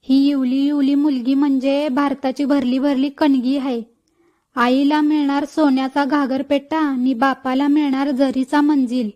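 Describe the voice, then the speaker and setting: A talkative old village midwife, bossy and coaxing, with rustic country speech delivered slowly in a high voice, as a woman narrator puts her on. An audiobook reading. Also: little pitch movement, mellow. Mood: coaxing chatter.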